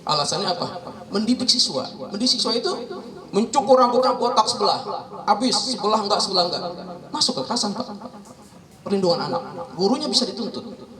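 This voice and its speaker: A man's voice: high-pitched, expressive, a little fast, pauses often. A man gives a chatty legal outreach talk at a neighborhood meeting. He keeps addressing the audience as "Pak" and acts out quoted speech. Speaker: legal counselor. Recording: echoey room, distant mic, crowd noise.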